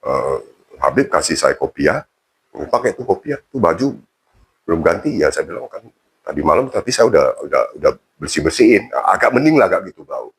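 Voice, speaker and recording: A man's voice: deep voice, very animated, brisk, vocal fry, husky. A man telling a personal story casually in an interview, with frequent fillers and restarts. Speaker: interview guest.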